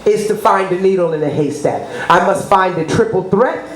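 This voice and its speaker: In promotional interview talk, a middle-aged woman from New Orleans pitches her consulting business at a moderate pace with a mid-range voice. Her salesy rambling jumps between points, sprinkled with name-drops and religious asides about God, and the room echoes with faint noise.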